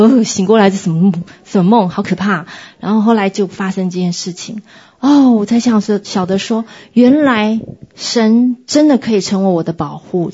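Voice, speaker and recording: A woman sharing a personal faith testimony in an earnest, reflective way, with many pauses and hesitations. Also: mid-range voice, darkish tone, breathy edge, lo-fi sound. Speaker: church member sharing testimony.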